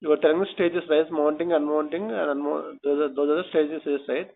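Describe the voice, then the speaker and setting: Over a tinny narrowband telephone line, a man with an Indian accent runs a technical job interview, repeatedly pushing with probing questions. His voice is on the high side with vocal fry and little pitch movement, and he speaks briskly.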